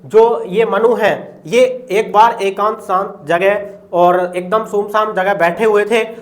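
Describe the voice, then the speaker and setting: High-voiced man teaching exam poetry. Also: fairly even intonation, slow pace. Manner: repeats "ठीक है" constantly, explains line by line. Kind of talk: exam-prep lesson explaining poetry.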